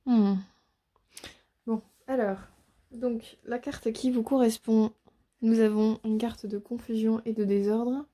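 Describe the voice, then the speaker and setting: Very dark, flat-voiced woman reading tarot. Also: a little high, slow pace. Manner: hesitant, many fillers and restarts, soft and gentle. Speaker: tarot reader. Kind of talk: casual spoken tarot reading to viewers.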